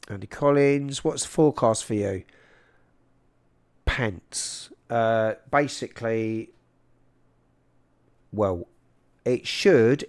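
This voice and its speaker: A man's voice: mid-range voice, a little mellow. Casual South London man chatting on a livestream. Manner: informal and matey, calling people "mate". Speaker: livestream host. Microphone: large microphone up close.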